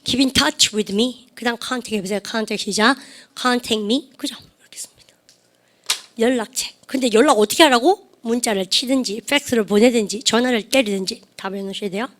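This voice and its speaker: A woman teaching English in a classroom who drills phrases and has students repeat them. She says her model sentences slowly and draws them out. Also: on the high side, fairly bright tone. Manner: slow, drawn-out model sentences. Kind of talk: classroom lecture.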